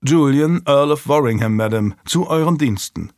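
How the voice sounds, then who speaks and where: Brief: gallant nobleman with a wry, kindly tone, as an audiobook narrator gives him, mid pitch, dry sound. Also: animated, normal speed, no echo, close to an everyday voice. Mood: courtly. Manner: gallant and gently teasing. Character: young noble earl, courteous and wry.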